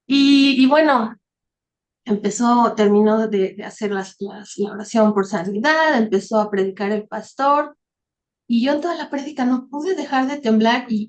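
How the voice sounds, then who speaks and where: A woman giving an earnest, emotional personal testimony over a video call, often adding a questioning "¿no?". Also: on the high side. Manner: earnest, emotional storytelling with frequent "¿no?"; shy and soft-spoken, by her own account. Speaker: guest speaker.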